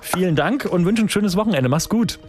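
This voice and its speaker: A man hosting a radio call-in quiz, chatty and upbeat, quick to praise and joke with the caller. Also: high voice, animated, a little mellow, soft background music. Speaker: radio host.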